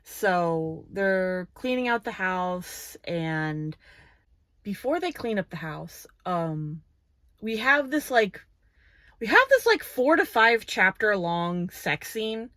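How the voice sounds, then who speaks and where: A woman talks through a book in a relaxed review, chatty and animated with many "like" fillers. Her voice sits in a middle pitch, and the recording is dry, with no room sound. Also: takes it slowly, no echo.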